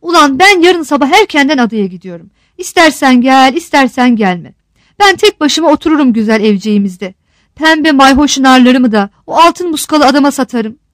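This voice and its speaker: A woman's voice: sits high, animated, normal speed, no room sound. A woman voicing a fiery little old mother. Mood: defiant. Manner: scolding, insistent.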